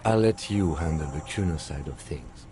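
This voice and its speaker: A man voicing a calm, dry-witted police lieutenant in a video game, measured and deadpan. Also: extremely low pitch, noisy background.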